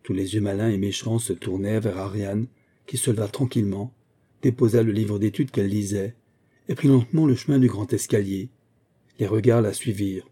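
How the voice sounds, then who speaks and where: A man reading a classic novel aloud as an audiobook narrator, in a measured, even way. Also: lowish voice, breathy edge. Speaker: audiobook reader.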